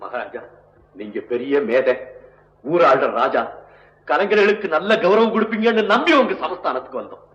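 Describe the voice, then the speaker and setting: An actor playing a proud, jealous young musician in a 1960s film, angry and proud. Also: male voice, fairly high pitch, sing-song, normal speed, a bit bright, echoey room, muffled recording. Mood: wounded pride. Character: proud young male nadaswaram player, jealous.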